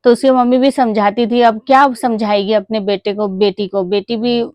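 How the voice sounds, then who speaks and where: A woman vlogger telling a moral story to her viewers in a chatty, casual way, full of small fillers, and she briefly acts out a child's excited calls to her mother. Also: fairly high pitch, normal speed, no room sound. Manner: chatty, addresses viewers as friends, many fillers.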